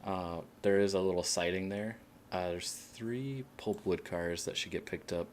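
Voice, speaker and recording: A man streaming a game, chatting casually with other players in a relaxed, hesitant way with many fillers. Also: sits low, a little slow, a little hiss or hum. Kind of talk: casual voice chat while playing.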